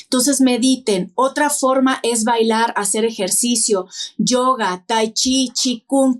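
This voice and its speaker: A woman, a podcast guest who explains things step by step and poses rhetorical questions. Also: on the high side. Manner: didactic, lists points and asks rhetorical questions. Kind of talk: explanatory interview talk.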